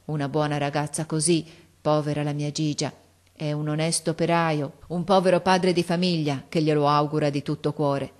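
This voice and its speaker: An emotional, exclamatory father of humble means bursts with gratitude, as a woman reading the story voices him. His lines come out raised and loud, full of fervor. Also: low-pitched, steady tone, normal speed, close to an everyday voice. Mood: effusive, grateful. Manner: effusive and exclamatory. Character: poor, emotional, grateful working-class father, a gardener.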